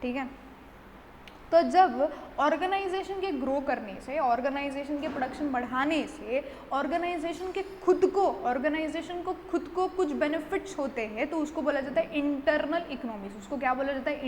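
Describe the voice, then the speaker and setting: A woman with an Indian accent teaches an exam-prep class in a high, light voice. She dictates notes word by word, repeats each point and asks herself questions before answering. The recording has a long hall reverb over a faint hiss. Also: normal speed, few pauses, darkish tone. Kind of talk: online lecture mixing Hindi and English.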